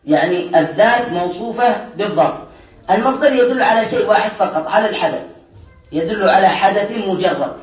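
A man teaching a grammar class, lecturing and constantly quizzing his students to check they follow. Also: sits high. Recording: echoey room, mic far off.

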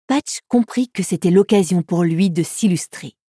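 A woman narrating a children's audiobook in a calm, even storytelling manner. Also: on the low side, moderate pace, husky, no room sound, clean studio sound.

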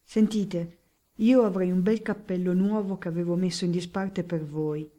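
A woman's voice: fairly low pitch, steady tone, normal speed, dark tone, natural voice. A woman voicing a poor, desperate middle-aged male hatter who begs insistently for help. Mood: pleading. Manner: pleading, insistent.

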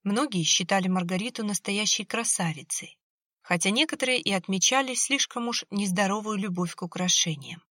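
A woman reading an audiobook in an even, measured scripted narration. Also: mid-range voice, no room sound, clean studio sound.

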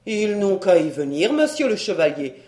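A reader voicing a boisterous young male country servant who talks in rustic dialect, loud and excited. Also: mid-range voice, moderate pace, echoey room, lightly acted. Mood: boastful.

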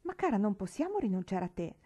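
A fond, downcast middle-aged father, as a woman reading a novel puts him on. He speaks tenderly in a warm, mellow voice heavy with sorrow. A storybook father with tears close. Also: mid-range voice, very animated, quick pace, husky.

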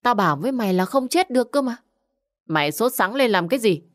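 A woman's voice: a little high, expressive, fast, voice pushed up, close to an everyday voice. A woman voicing a rude, stingy middle-aged village man who scolds curtly. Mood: scolding. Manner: scornful, scolding, curt.

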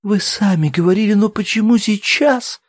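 A man reading an audiobook and voicing an aging, weeping woman who pleads in a high, breaking voice. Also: animated, drawn-out words, darkish tone, husky, dry recording, clean studio sound, heavily acted. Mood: distraught. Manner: sobbing, high-pitched pleading.

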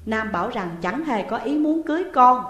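A woman's voice: on the high side, lively intonation, moderate pace, dull audio, soft background music, lightly acted. A woman voicing a stern, protective mother. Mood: firm. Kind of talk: audiobook reading. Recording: echoey room with long reverb.

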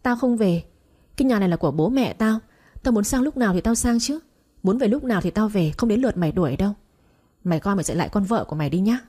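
A sharp-tongued middle-aged sister-in-law, put on by a woman narrator jabs and mocks in quick bursts that jump up high. Her voice is husky and mellow under the taunts. It is an audio storybook reading. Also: animated. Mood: defiant. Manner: mocking, scolding, quick jabs.

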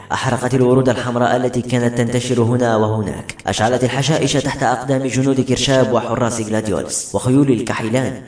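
Brisk male audiobook narrator. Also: mid-range voice, darkish tone. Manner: brisk, dramatic storytelling. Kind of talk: scripted narration. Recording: roomy echo, faint music behind.

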